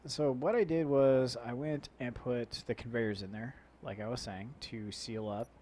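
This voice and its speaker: Here the let's play host mutters and rambles in a relaxed, unhurried way, his nasal, congested-sounding voice mid-range, steady and a little mellow. The poor mic captures chopping noise from helicopter-like equipment behind him.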